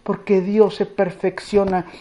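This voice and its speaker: A woman preacher addressing her congregation in an earnest sermon and telling a moving story, often dropping to a hush. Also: mid-range voice, level tone, dull audio. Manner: slow, earnest, drops to a hush.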